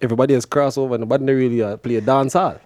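A man hosting a casual show, teasing his guest and repeating himself excitedly. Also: mid-range voice, rapid-fire, dry recording, clean studio sound. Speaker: host. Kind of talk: casual radio-style chat.

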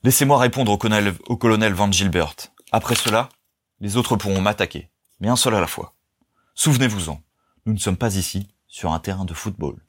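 Guy voicing a confident young speaker, low voice, calm but forceful, audiobook reading. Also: fairly quick, husky. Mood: commanding. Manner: steady, forceful speechmaking. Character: bold young male orator, calm and commanding.

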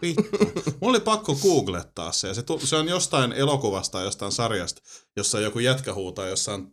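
A man's voice: mid-range voice, very animated, fairly bright tone. A man in a casual gaming chat, blunt and teasing in his remarks. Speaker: podcast co-host.

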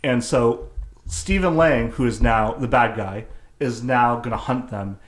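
A man's voice: medium pitch, measured pace. Male podcast co-host, mid-range voice, comedic plot recapper, casual and profane. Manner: animated storytelling, acts out characters' lines, swears.

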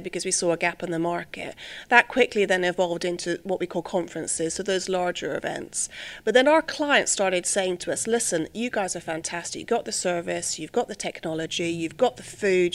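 A middle-aged woman born in England and raised in the United States, chatting as a podcast guest and explaining things with frequent hesitant fillers. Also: fairly low pitch. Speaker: company employee, guest. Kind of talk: casual podcast interview.

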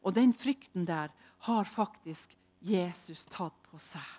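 A woman preaching a sermon, telling a personal story dramatically and moving between hushed and loud delivery. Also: lowish voice, animated.

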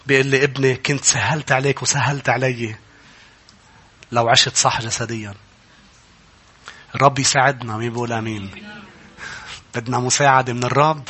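A middle-aged male pastor with a Lebanese Arabic accent, preaching a sermon that climbs into loud, emphatic passages and calls out for amens. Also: mid-range voice, steady tone, fairly quick, pauses often, slightly rough.

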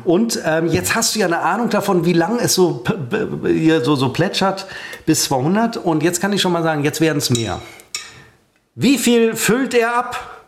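A man's voice: fairly high pitch, normal speed. A man co-hosting a podcast, running silly quiz games in playful banter with a mock-serious showman manner. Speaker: podcast co-host.

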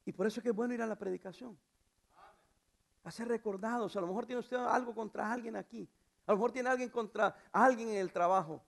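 Gravelly-voiced male pastor preaching. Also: fairly quick. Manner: swings from hushed to loud emphatic preaching; acts out quoted voices in a high pitch. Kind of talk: sermon.

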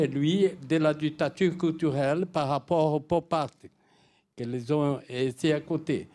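Older Brazilian man, slow foreign-accented French. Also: a little high, a little mellow. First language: Portuguese. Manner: halting, searching for words in non-native French. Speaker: audience member making a comment. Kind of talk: spontaneous spoken remarks at a public discussion.

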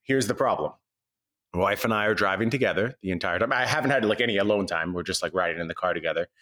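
A man chatting casually as a podcast co-host, recorded on an old microphone in a cavernous, echoey wooden kitchen with high ceilings. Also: quick pace, pushed and bright.

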